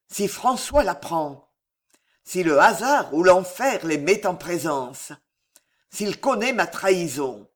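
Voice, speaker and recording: A man's voice: high voice, exaggerated voice. A man reading the inner speech of a tormented nobleman who plots against his brother.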